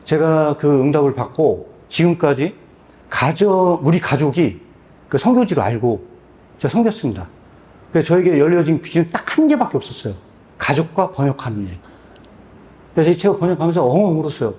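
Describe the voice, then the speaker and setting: A man's voice: fairly high pitch, big pitch swings, fairly quick, mellow. A middle-aged man who translates and publishes books, giving a candid personal testimony at a church book talk. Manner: candid, storytelling with self-deprecating humor. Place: church hall.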